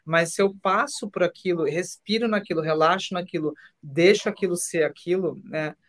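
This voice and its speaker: Gentle, reflective man. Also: sits high. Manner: gentle, slows down on key phrases and acts out quoted voices. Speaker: podcast guest. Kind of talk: reflective conversation on emotions. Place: podcast studio.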